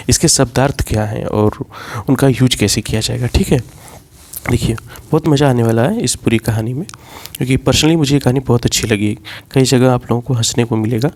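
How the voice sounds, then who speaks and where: Guy teaching a class, gravelly voice, goes over stuff twice, mixes in english words. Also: medium pitch, darkish tone. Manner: explains slowly, repeats key points, mixes in English words. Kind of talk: classroom lecture.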